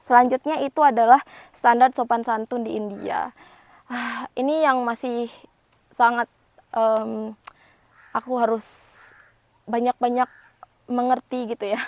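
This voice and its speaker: Young woman vlogger from Indonesia, casual chatty delivery with fillers, slightly high voice, dry close sound. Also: steady tone, a little slow, pauses often, no room sound. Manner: chatty, frequent fillers and "gitu ya". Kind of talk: casual chat to camera. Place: home.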